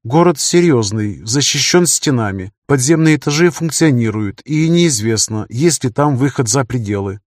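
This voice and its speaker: A man's voice: mid-range voice, expressive, moderate pace, few pauses, a little mellow, dry recording, clean studio sound, close to an everyday voice. A man voicing a wry male spy chief who briefs in a businesslike way in an audiobook. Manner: smirking, then matter-of-fact.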